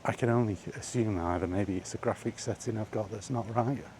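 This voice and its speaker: A vlogger, male, takes a walk under the trees and rambles casually, wry and a bit grumbly. His fairly low voice is brisk and a little mellow, and faint outdoor ambient noise can be heard.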